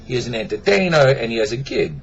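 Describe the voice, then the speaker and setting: A man telling a joke in a put-on French accent, halting and filling gaps with "uh" and stray French words. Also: medium pitch, lively intonation, muffled recording. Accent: mock French. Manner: halting, full of fillers, sprinkled with French words. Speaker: joke teller.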